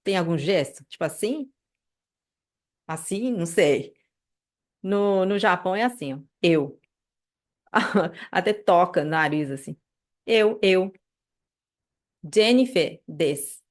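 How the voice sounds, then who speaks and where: A woman's voice: fairly low pitch, takes it slowly, pauses often. Chatty woman teaching a class. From Brazil. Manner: chatty, many fillers like "né" and "tá", animated asides. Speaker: Japanese language teacher. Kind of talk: live online class, casual explanation.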